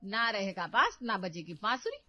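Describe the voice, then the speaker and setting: A woman voicing a meddling, domineering middle-aged mother who loudly stirs up trouble in her family. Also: medium pitch, big pitch swings, normal speed, dry recording, highs cut off, soft background music. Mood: scolding.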